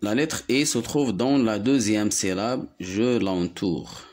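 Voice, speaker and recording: Slow, patient man teaching children to read. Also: fairly low pitch, darkish tone. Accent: Moroccan. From Morocco. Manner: repeats each word slowly and clearly, syllable by syllable. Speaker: primary school teacher. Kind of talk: slow, deliberate reading lesson for young children.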